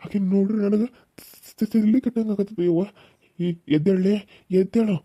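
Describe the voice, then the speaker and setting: A man's voice: high-pitched, steady tone, moderate pace, dark tone, dry recording, studio quality. A man voicing a young village husband in a cartoon serial, speaking North Karnataka Kannada and repeating himself in anguished outbursts. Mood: furious.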